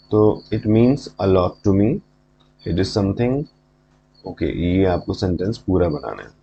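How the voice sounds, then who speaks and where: A young Indian man teaches a textbook lesson, switching between Hindi explanation and English read aloud. His voice is low and mellow. Faint hum sits under the recording. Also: dull audio.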